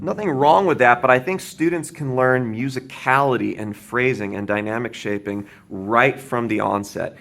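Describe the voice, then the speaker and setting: A man teaching drums, explaining a beginner beat and counting aloud with a steady, patient manner, often checking in with "right?". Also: mid-range voice, normal speed, creaky, few pauses. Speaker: drum teacher. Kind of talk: instructional demonstration. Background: drum kit playing.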